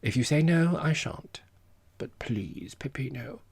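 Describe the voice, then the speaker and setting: A man's voice: medium pitch, expressive, a little slow, vocal fry, slightly rough, dry recording, voice pushed up, full character voice. A man voicing an affected, self-important society woman in an audiobook, with airy, theatrical phrasing and Italian endearments. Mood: coaxing. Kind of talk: audiobook character voice.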